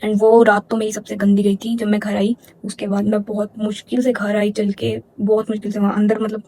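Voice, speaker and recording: A woman's voice: mid-range voice, little pitch movement, a little fast, dark tone, rough recording. A young woman vlogger telling a personal story in a casual, emotional way, repeating herself and slipping English words into her talk. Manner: emotional, repetitive retelling mixing Hindi and English. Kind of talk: storytime vlog.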